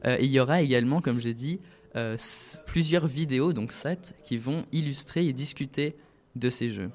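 A man's voice: medium pitch, normal speed, darkish tone. A man explaining video games in a casual talk, hesitant, with many fillers and restarts. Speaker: guest presenting a video game event. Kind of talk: casual radio chat.

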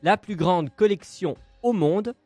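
Guy hosting a podcast, jokey and theatrical, kinda high voice, dry sound. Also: unhurried, dark tone, no room sound, faint music behind. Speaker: podcast co-host presenting a segment. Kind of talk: casual podcast chat.

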